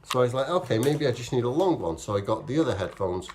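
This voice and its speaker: A man with a mid-pitched voice chats informally to camera in vlog style. His explanations ramble and double back as he corrects himself, often acting out what he was thinking. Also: sing-song, fast, noisy background. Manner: rambling, self-correcting explanations with acted-out quotes of own thoughts. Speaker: vlogger, amateur marathon runner. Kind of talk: casual, chatty vlog to camera.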